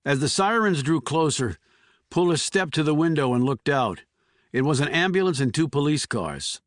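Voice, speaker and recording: A man narrating a thriller audiobook in a measured, even way. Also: fairly high pitch, dry recording, studio quality. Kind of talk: scripted narration.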